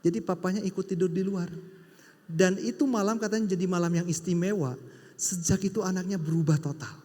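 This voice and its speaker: Male preacher, high voice, animated storytelling, echoey hall. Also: brisk. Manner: animated, wide swings in loudness. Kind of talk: sermon with storytelling. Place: worship session at a retreat venue. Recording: reverberant hall.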